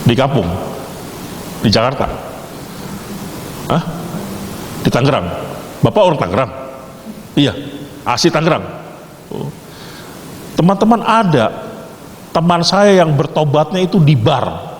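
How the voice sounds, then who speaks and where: A male theology teacher leads an interactive class, firing quick, playful questions at students and spinning stories. His voice sits a little high and swings widely in pitch. The recording rings with a long echo, with a faint hiss behind it. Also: sing-song. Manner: jokey, rapid-fire questioning of students. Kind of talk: interactive class lecture with storytelling. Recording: echoey hall, faint background hiss.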